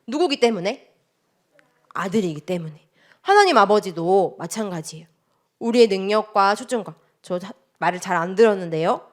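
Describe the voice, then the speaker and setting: A woman teaching a children's sermon, telling a story and asking the children many questions in a lively, expressive way. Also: mid-range voice.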